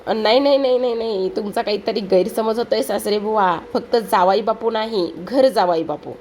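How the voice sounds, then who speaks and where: Brief: woman reading a gloating young son-in-law, mocking, mid-pitched, faint noise behind. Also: normal speed, a little mellow, natural voice.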